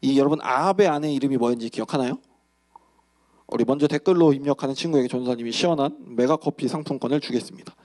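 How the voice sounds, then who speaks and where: A young man, a youth pastor, telling a Bible story in a lively sermon and acting out the characters' lines. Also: medium pitch, quick pace.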